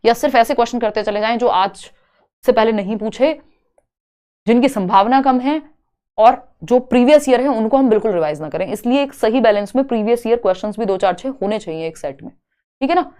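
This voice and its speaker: Woman, exam prep teacher, higher voice, asks and answers her own questions. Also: animated, fairly quick, a little mellow, clear, resonant tone. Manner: explains questions step by step, asks and answers herself. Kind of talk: online lecture.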